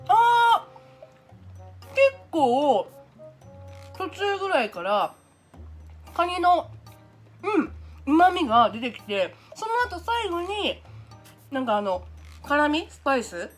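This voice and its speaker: A woman's voice: high voice, sing-song, takes it slowly, pauses often, faint music behind. A woman hosting an eating video, talking through a mouthful of food with her hand over her mouth. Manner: chatty, laughs often, tastes and comments. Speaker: eating show host. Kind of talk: casual food review vlog. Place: at home.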